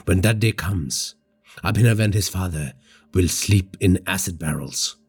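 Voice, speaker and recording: A man voicing a patient, vengeful male cartel boss who speaks in slow, low, measured threats. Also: darkish tone, slightly rough, soft background music, heavily acted. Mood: menacing.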